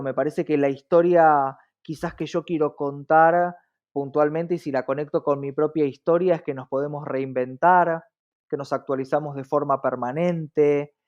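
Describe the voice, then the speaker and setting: An interview guest who is a diversity activist speaks with an Argentine accent in a fairly high-set, slightly mellow voice. He's earnest and reflective, often tacking on little tag questions. The recording is somewhat dull and lo-fi.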